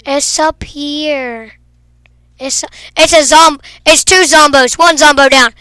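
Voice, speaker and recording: A young woman giving playful, goofy gameplay commentary, teasing her teammates and bursting into shouts. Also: high voice, fairly even intonation, slow pace, no echo. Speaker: gaming video creator.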